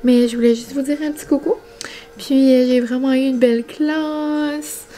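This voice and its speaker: A young woman with a Québécois French accent chatting casually to camera as a vlogger, relaxed and low-key, feeling a bit unwell. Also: moderate pace, soft background music. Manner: chatty, relaxed, sprinkles English words.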